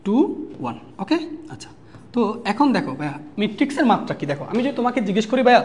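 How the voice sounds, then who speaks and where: Brisk Bangladeshi woman teaching math. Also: medium pitch, very animated, a little mellow, a little hiss or hum. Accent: Bangladeshi Bengali. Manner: asks the class questions and answers them herself, checks understanding often; dictates notes slowly and repeats key terms. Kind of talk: online math lecture for exam students.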